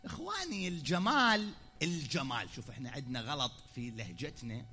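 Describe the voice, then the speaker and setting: An Iraqi man preaching a sermon from a pulpit, explaining patiently and then rising to loud declaiming. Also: medium pitch, sing-song, a little fast. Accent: Iraqi Arabic. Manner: explanatory, swings from quiet asides to loud declaiming. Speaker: preacher at a mourning gathering. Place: pulpit in a hall.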